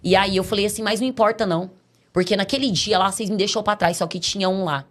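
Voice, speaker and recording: A middle-aged woman with a Brazilian Portuguese accent tells her life story casually on a podcast, acting out the other people's voices as she goes. She speaks fast at medium pitch with fairly even intonation.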